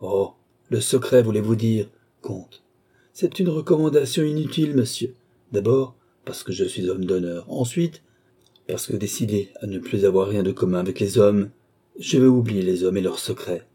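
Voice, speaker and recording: A man voicing a commanding, mysterious count in an audiobook, giving firm, measured orders. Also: lowish voice, mellow, husky. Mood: imperious.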